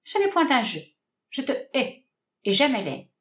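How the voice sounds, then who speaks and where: A woman's voice: high-pitched, big pitch swings, moderate pace, a bit bright, roomy sound. A woman voicing a harsh, scornful young man rejecting his sweetheart in a read-aloud stage comedy, curt and declamatory. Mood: cold contempt.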